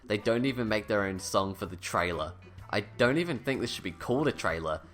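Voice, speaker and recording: A video reviewer with a lowish, slightly bright voice delivers a scripted critical review at a somewhat fast, animated clip. His lisp slurs his s toward a slushy sh, and his tone is blunt, sarcastic and sweary, sometimes self-deprecating. It's a voice-over with background music underneath.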